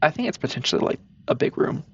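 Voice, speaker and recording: A man's voice: on the high side, huge pitch swings, fast, gravelly, highs cut off, a little hiss or hum. A man playing a comedic tabletop game, cautious and curious, asking the game master one question after another. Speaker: player.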